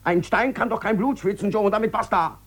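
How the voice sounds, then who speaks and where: An actor playing a desperate, sick gambler in debt, pleading and stammering on the phone in a 1950s radio play. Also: male voice, high-pitched, fairly quick, a bit bright. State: feverish. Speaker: lead character in a radio drama.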